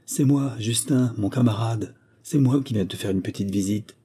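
Mec qui joue vieux cousin timide, marmonne, voix sombre un peu rauque. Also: male voice, fairly low pitch, normal speed, warm tone, slightly rough. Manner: mumbling, hesitant. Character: shy older male cousin, quiet and timid.

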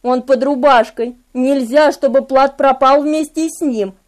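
A woman voicing a menacing male devil who barks commands in a lowered voice. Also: fairly even intonation, measured pace. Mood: commanding.

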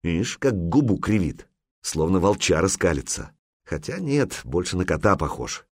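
A man narrating an adventure audiobook in an expressive, storytelling manner. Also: sits low, moderate pace, husky, dry recording, studio quality.

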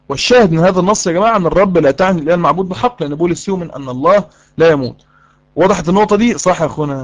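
Fast, high-voiced Egyptian man teaching. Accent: Egyptian Arabic. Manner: quizzes students, repeats key lines for emphasis. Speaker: religious course instructor. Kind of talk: live online lecture.

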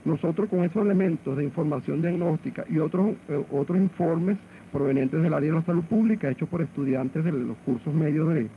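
A man with a Venezuelan accent, a hospital director interviewed on AM radio, halting and repeating words as he searches for them. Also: fairly high pitch. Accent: Venezuelan Spanish. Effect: AM radio broadcast sound. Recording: muffled AM radio with faint hiss.

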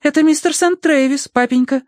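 A man's voice: brisk, dry recording, clean studio sound. A man doing a gushing girly young lady. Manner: high breathless gushing, lisping baby talk. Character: gushing sweet young lady, baby-talking. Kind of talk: audiobook character voice.

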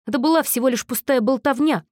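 A woman's voice: fairly high pitch, no room sound, clean studio sound, pitched above the performer's own voice, close to an everyday voice. A woman doing a defensive, shamed young man. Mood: subdued. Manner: flat, defensive, quick when pressed.

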